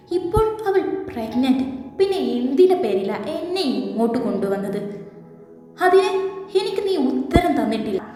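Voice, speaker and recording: A woman voicing an indignant young wife, hurt and bitter, speaking in sharp, reproachful tones. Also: a little high. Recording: heavy echo, reverb, faint music.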